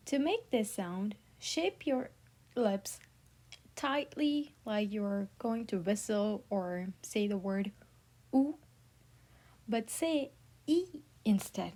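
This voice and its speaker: A woman teaching a beginner French pronunciation lesson, patiently drilling vowel sounds for listeners to repeat, with soft whispered asides. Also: medium pitch.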